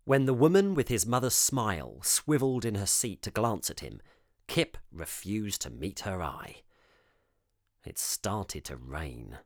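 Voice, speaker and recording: A man narrating a children's storybook in an expressive, measured way. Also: lowish voice, no room sound, clean studio sound.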